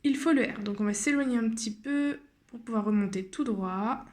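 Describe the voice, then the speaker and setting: A woman teacher guiding young children through cursive handwriting step by step, slowly and patiently, with frequent hesitations. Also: fairly high pitch, a little mellow. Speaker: primary school teacher.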